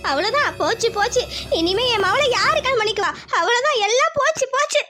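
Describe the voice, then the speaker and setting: A woman's voice: very high voice, animated, a little fast, music in the background. A woman voicing a despairing village mother in a cartoon who wails that all is lost. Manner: wailing, hopeless.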